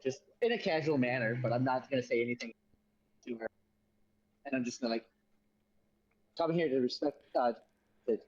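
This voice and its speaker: A man's voice: medium pitch, darkish tone, husky, no echo, highs cut off. A man playing a character in a tabletop game, who hesitates and repeats his words as he describes what he does. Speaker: player.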